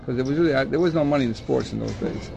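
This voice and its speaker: Older man with a gravelly voice. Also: medium pitch, racing, highs cut off, noisy background. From Dominican Republic. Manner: rambling, repeats words and restarts often. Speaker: baseball scout. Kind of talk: oral history interview.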